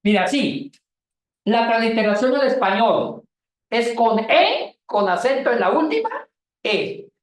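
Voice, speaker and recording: A woman teaching a Bible class, lively, calling on students by name and joking as she explains. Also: on the high side, slow pace, far from the mic. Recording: echoey classroom.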